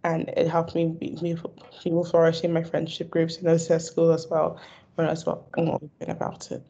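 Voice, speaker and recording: She speaks briskly in a low, warm voice with vocal fry and a breathy edge, keeping her delivery completely flat. A young woman and stammering awareness advocate, she repeats words and restarts while answering video call interview questions indoors, and the lo-fi audio is dull.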